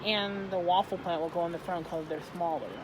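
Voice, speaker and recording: An eighteen-year-old from Michigan hosting a casual how-to vlog, often halting and correcting themselves mid-sentence. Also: mid-range voice, fairly even intonation, background noise. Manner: halting, self-correcting, trailing off. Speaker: plant arrangement seller and video host.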